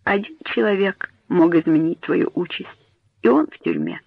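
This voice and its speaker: A man reading a storybook voices a dying mother who speaks in grave, hushed, imploring tones. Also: high-pitched, huge pitch swings, moderate pace, vocal fry, dry recording, heavily acted. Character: dying mother hiding a grim secret. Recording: tinny phone-like dry audio.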